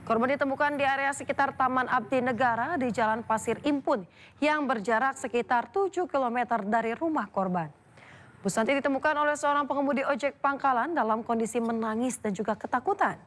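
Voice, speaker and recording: A female news anchor reads the day's stories in a formal, measured studio delivery. Her voice sits a little higher than most women's. She speaks straight to the audience at home. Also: a bit bright. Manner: formal, addresses viewers directly. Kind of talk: scripted news reading.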